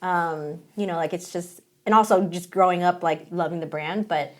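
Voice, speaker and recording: A woman's voice: on the low side, fairly even intonation, moderate pace. A woman guest on a podcast chatting casually about her old job, talking in a chatty way and laughing easily. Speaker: podcast guest, former game company employee. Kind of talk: casual chat.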